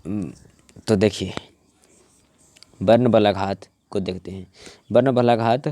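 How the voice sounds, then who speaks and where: A young man teaching grammar from his notes, often repeating words and restarting, and slowing down to spell out word parts. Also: lowish voice, steady tone, dark tone, no room sound, studio quality. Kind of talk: explaining from notes to camera.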